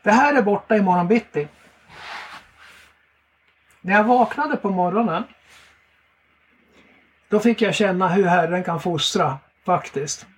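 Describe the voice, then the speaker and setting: A Swedish man sharing a faith testimony in lively storytelling, animated and laughing often. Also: high-pitched, pauses often. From Sweden.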